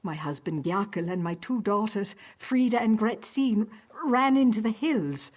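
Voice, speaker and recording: Worried, pleading farm wife. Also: female voice, mid-range voice, expressive, measured pace, a little mellow. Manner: earnest, pleading. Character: worried farm woman, grieving wife and mother. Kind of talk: fantasy video game voice acting.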